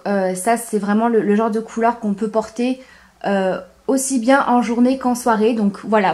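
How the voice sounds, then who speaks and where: A young woman with a slightly high voice walks viewers through her eye makeup step by step. She gets enthusiastic, repeats words for emphasis, and fills pauses with hesitations as she works. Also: a little mellow. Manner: frequent hesitations with "euh". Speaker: beauty vlogger. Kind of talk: makeup tutorial.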